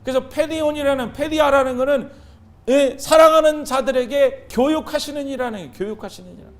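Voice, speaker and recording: A male pastor in his thirties delivers a sermon with a high, ringing voice. He is animated and keeps calling out to the congregation for answers. His delivery swings between loud exhortation and soft asides. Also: brisk. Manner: animated, call-and-response with the congregation.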